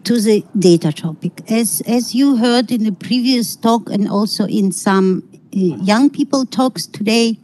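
Slow, halting middle-aged woman lecturing online. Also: a little high, warm tone, poor audio. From Kazakhstan. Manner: halting, searching for words, non-native phrasing. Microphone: video call.

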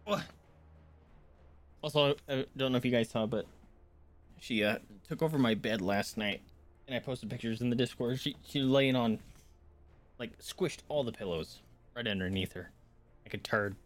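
A man streams a game live, chatting loosely with his viewers and drifting into asides. His voice sits at a medium pitch, moving at a moderate pace with frequent pauses.

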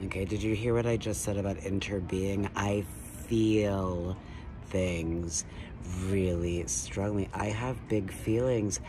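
A man in his thirties, rambling and lecturing excitedly into a phone held at arm's length outdoors. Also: low voice, slow, background noise. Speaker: vlogger. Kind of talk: rambling selfie monologue. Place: outdoors by a building wall.

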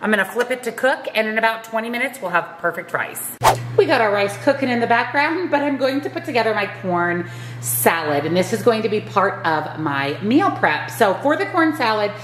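A woman in her thirties chatting brightly through a cooking walkthrough in her home kitchen. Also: fairly high pitch, big pitch swings, brisk, slight background noise. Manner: upbeat, chatty. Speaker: food vlogger.

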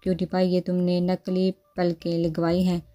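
A woman's voice: fairly low pitch, completely flat delivery, normal speed, warm tone, soft background music, lightly acted. A woman reading the lines of a teasing, cajoling young groom in a storybook dialogue.

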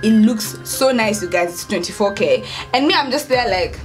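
A young woman with a Kenyan accent tells a story casually to camera at home, indoors beside an open doorway. Her voice is medium-pitched, expressive and at a normal speed, and she dramatically acts out the dialogue while slipping into Swahili. The audio is poor, with faint music behind her.

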